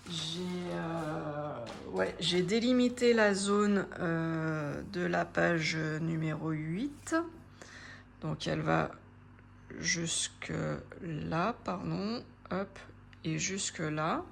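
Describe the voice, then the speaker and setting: A woman in her forties talks unhurriedly to her viewers about her craft projects in a relaxed, chatty way. Her voice sits fairly low, and she hesitates often, filling pauses as she thinks. A faint hiss runs underneath. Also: gravelly. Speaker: craft vlogger. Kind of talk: casual chat to camera.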